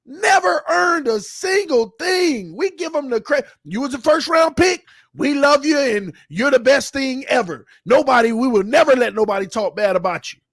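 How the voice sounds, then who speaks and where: A man hosting a fan talk show, fired up and shouting as he rants. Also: extremely high pitch, animated, moderate pace, no room sound, studio quality. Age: 30s. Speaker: fan channel host.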